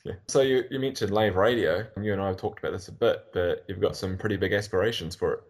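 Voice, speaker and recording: A novelist guest talking in friendly, easygoing conversation. His voice is low and husky, and his words come out fast. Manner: friendly, laughs easily. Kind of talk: casual chat.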